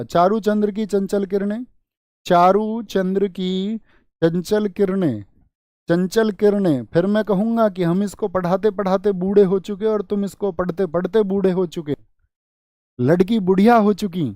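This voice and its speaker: A man's voice: sits high, a little mellow, no echo, studio quality. A male teacher giving an online exam-prep lesson. He repeats key points and keeps putting quiz questions to his students. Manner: drills points by repeating them.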